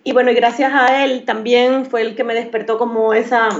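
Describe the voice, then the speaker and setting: Interviewed as a guest, a professional makeup artist from Maracaibo, Venezuela, in her thirties, responds hesitantly with many restarts. She speaks at a moderate pace in a slightly high, level voice, captured in somewhat dull, lo-fi audio.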